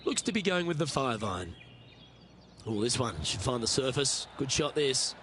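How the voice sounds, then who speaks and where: A man playing a composed golf commentator in a video game, calling play in measured, understated short phrases. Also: mid-range voice, very animated, a little hiss or hum. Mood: composed, approving. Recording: loud music and crowd behind. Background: music, outdoor crowd ambience.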